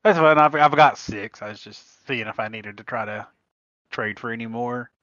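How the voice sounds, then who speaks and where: A man's voice: mid-range voice, moderate pace, a bit bright, no room sound. A man co-hosting a trading card game podcast, telling stories in casual chat and laughing at his own mishaps. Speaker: podcast co-host. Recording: muffled lo-fi audio.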